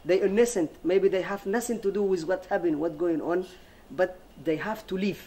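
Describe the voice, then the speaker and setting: Mellow higher-voiced man, halting non-native English. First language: not English. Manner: halting, repetitive, emphatic. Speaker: interview guest. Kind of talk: unscripted panel talk.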